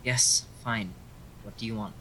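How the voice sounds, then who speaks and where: A man's voice: on the low side, fairly even intonation, unhurried, sharp tone, a little hiss or hum, rough recording. A man playing an irritable, sarcastic young man in a naturalistic audio drama, blunt and defensive. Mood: irritated, defensive.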